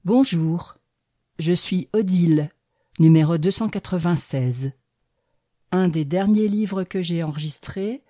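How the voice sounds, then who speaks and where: A woman, a volunteer audiobook reader, narrating in a measured, clear way. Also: lowish voice, mellow, no echo, clean studio sound. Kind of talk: audiobook reading.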